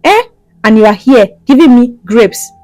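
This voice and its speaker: A fierce young wife with a hot temper, as a woman narrator puts her on, scolding loudly and mocking whoever she's aiming at. Her pitch leaps around as she jeers. The sound is close and dry with no room behind it. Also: lively intonation, a little fast, no room sound. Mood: furious scolding.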